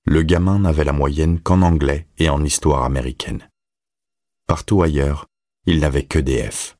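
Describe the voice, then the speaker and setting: Un homme qui lit un roman en livre audio, d'un ton posé et régulier. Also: male voice, very deep voice, dry recording, studio quality. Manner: steady, measured storytelling. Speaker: narrator. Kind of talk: audiobook reading.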